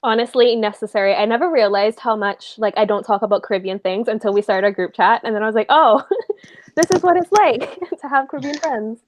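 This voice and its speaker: A woman's voice: a little high, a little fast, no room sound. A woman, chatting and giggling on a book club video call. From Barbados. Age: 20s. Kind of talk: casual book club livestream chat.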